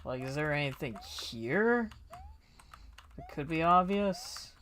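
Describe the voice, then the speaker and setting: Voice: medium pitch, expressive, slow, a bit bright, slight background noise. A streamer thinking aloud while playing a game, muttering and hesitant. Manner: mutters, hesitant, self-talk.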